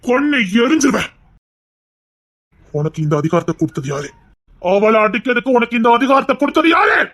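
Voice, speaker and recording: A performer voicing a stern middle-aged man who heads the household in an audio drama and shouts commands. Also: mid-range voice, lively intonation, a little fast, voice pushed down. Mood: enraged. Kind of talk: Tamil audio drama acting.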